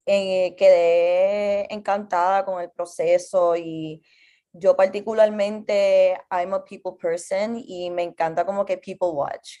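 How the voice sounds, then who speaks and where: A woman in her twenties with a Puerto Rican accent, a guest on a casual podcast interview, who talks in a relaxed way and switches languages within sentences. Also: lowish voice, slow pace. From Puerto Rico. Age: 20s. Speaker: guest artist.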